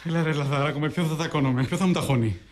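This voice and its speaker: A man's voice: a little high, close to an everyday voice. An actor playing a man who pleads and jokes to win back his friend. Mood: coaxing. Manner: coaxing, joking, pleading.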